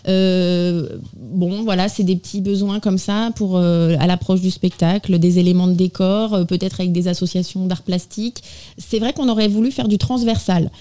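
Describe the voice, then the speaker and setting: A woman's voice: on the low side, fairly even intonation, normal speed, warm tone. A woman explaining her amateur theatre group in an eager way on a radio interview.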